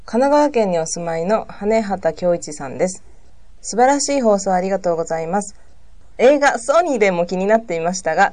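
A woman co-host reading a listener's letter aloud in a calm, even way. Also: medium pitch.

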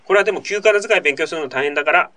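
A male radio-style host talks very fast in a high, pushed, bright voice. He reads out a listener's letter, then explains at length in a chatty manner full of asides and tag questions.

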